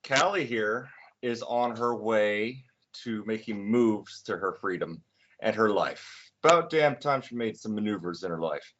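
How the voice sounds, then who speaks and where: A man in his twenties hosting a casual podcast chat, talking in halting bursts with many restarts. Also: fairly low pitch, fairly bright tone. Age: 20s. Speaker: podcast host. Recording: dull lo-fi recording.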